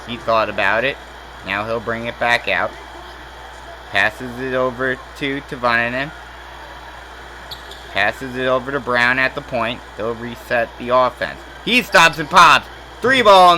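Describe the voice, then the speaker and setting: A man calling simulated basketball play-by-play, rattling off each possession and jumping up in pitch and volume when a shot drops. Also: sharp tone, slight background noise, rough recording. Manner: rapid play calling that rises sharply on made shots. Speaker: play-by-play announcer.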